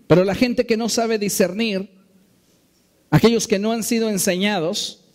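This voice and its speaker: High-voiced pastor preaching slowly. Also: male voice, darkish tone. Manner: earnest preaching, slows and stresses key phrases. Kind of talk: sermon. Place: church sanctuary.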